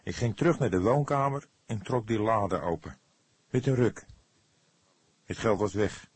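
This audiobook dialogue features a man playing a frightened young suspect, defensive and emotional. The voice sits on the low side with a breathy edge, animated as the character stammers out earnest, pleading lines, clearly shaken.

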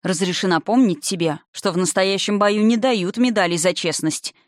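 A reader voicing the spirit of an older father, calm and condescending, who lectures with mocking haughtiness in an audiobook. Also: high voice, normal speed, no echo, clean studio sound, lightly acted. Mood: haughty. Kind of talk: audiobook character reading.

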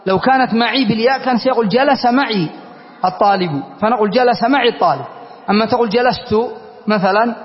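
A man's voice: very high-pitched, fast. A man from Yemen teaching a classical grammar lesson, explaining patiently and often checking that his students follow. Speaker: Islamic scholar teaching grammar. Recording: reverberant hall, dull lo-fi recording.

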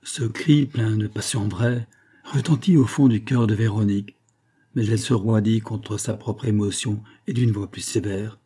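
Low husky man reading a novel aloud. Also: fairly even intonation, warm tone. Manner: measured literary narration. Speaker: audiobook reader.

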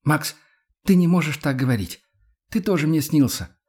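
A man's voice: on the high side, animated, moderate pace, darkish tone, slightly rough, pitched above the performer's own voice. A man voicing a tearful young woman. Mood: desperate. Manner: pleading, breaking with emotion. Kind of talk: audiobook character voice.

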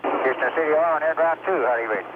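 A man's voice: fairly high pitch, quick pace. A man, a shuttle crew member, running clipped radio voice checks over a helmet radio comm link. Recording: tinny noisy radio link.

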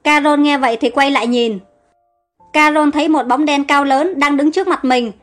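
High-voiced woman narrating a story. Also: normal speed, faint music behind. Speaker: audiobook narrator.

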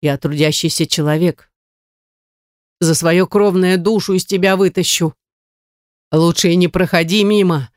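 A woman's voice: fairly low pitch, darkish tone, dry recording, clean studio sound, natural voice. A reader voicing an old grandmother who shrilly curses and accuses a neighbour in an audiobook. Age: older. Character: old grandmother, bitter, cursing, superstitious.

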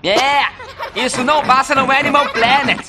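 An actor playing an easygoing, wisecracking zoo animal and star performer in an animated film. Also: male voice, very high voice, moderate pace, very noisy.

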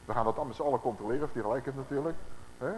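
Speaking very fast at a medium pitch, a man preaches a conversational Bible-teaching sermon to the congregation before him. He's animated and full of rhetorical questions for his listeners, captured on a low-quality recording with a little hiss or hum.

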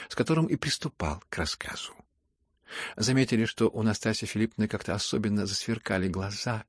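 Male narrator, husky, dry close sound, measured literary reading. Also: lowish voice, dry recording. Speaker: audiobook narrator.

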